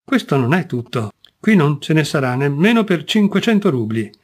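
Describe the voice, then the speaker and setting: A man's voice: fairly high pitch, sing-song, moderate pace. A man reading a short story aloud, voicing a proud noblewoman who speaks formally through tears. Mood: lofty. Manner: lofty, formal, tearful. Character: proud, pale noblewoman, tearful but dignified.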